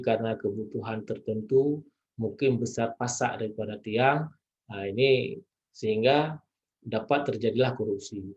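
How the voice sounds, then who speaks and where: A man from East Aceh gives a measured recorded lecture on anti-corruption, pausing often with filler sounds. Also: on the low side, darkish tone, muffled recording. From East Aceh, Indonesia. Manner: measured, with frequent hesitation fillers.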